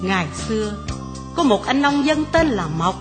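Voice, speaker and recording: An older woman narrating a children's fairy tale gently, as a grandmother to her grandchild. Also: on the high side, very animated, normal speed, music in the background. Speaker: storyteller grandmother.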